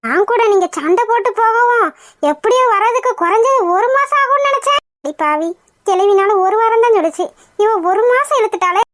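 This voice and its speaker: A woman's voice: extremely high pitch, animated, fairly quick, a bit bright, dry recording. A woman voicing a cheeky young village woman who teases and mocks in a cartoon. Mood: teasing. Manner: teasing, mocking, chatty. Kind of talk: cartoon voice acting.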